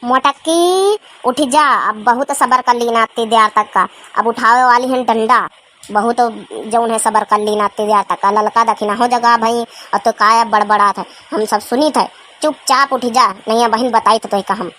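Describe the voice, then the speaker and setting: A woman's voice: on the high side, fairly even intonation, normal speed, bright, forceful tone. A woman voicing a grumpy old village woman in a comedy cartoon, scolding and nagging.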